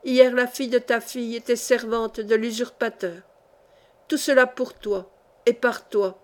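A woman voicing a fierce noblewoman who talks in a forceful, urgent and imperious way, both commanding and imploring. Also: on the high side, steady tone, a little slow, lightly acted.

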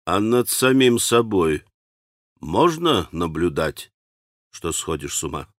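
A man's voice: low voice, big pitch swings, slow, no echo, clean studio sound, voice pushed down, heavily acted. A man playing a curt, brooding young man. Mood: quiet. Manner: curt, sardonic. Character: irritable, brooding young man near breakdown.

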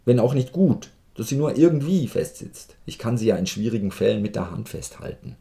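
A man voicing a desperate, vain male officer who pleads in a raised, loud voice. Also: medium pitch, expressive, a little fast, creaky, voice pushed up. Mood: pleading.

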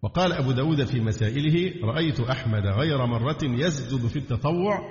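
A man with an Egyptian accent teaching Islamic jurisprudence, reading from a text and adding colloquial explanations with pauses and fillers. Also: medium pitch, lively intonation, a little mellow. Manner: reads a text aloud, then breaks off into colloquial asides with hesitations. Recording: echoey hall, dull lo-fi sound.

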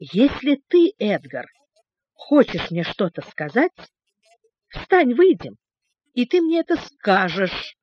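A woman's voice: a little high, sing-song, measured pace, no room sound. A woman voicing a teenage boy who taunts people with sarcastic politeness. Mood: mocking. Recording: dull, dry recording.

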